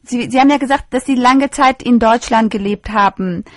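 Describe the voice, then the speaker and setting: A woman's voice: on the high side, a little fast, dry recording. A woman hosting a radio show, asking an interview guest formal, polite questions.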